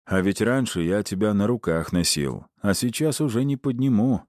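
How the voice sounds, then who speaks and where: A man voicing a tired, calm male god of the underworld who answers patiently. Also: on the low side, moderate pace, no echo, clean studio sound, close to an everyday voice. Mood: gentle.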